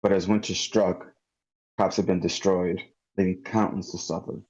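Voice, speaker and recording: A man reading the part of a well-spoken male narrator in his late thirties at a script table read, with a measured, formal delivery over dull, lo-fi online call audio. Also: deep voice, level tone, darkish tone, husky. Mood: solemn. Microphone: computer mic in an online meeting.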